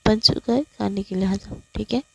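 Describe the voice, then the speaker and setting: A woman voicing a calm, matter-of-fact young woman in a fan story. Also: medium pitch, normal speed, gravelly, slightly rough, no echo, exaggerated voice.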